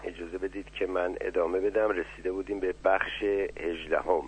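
A man reading a translated children's story on the radio in a steady, measured narration. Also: sits low, slight background noise. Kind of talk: scripted narration. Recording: tinny phone-like radio line.

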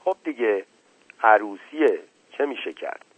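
A man's voice: lowish voice, animated, husky, dry recording. A man doing a worn-out village wedding musician. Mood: weary. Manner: weary, plain-spoken. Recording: tinny phone-like dry recording.

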